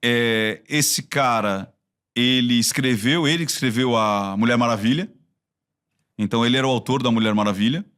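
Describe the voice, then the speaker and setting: A man's voice: medium pitch, normal speed, clean tone. Chatty Brazilian man telling stories. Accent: Brazilian Portuguese. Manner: chatty, animated storytelling with frequent restarts. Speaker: body-language expert. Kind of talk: casual podcast conversation.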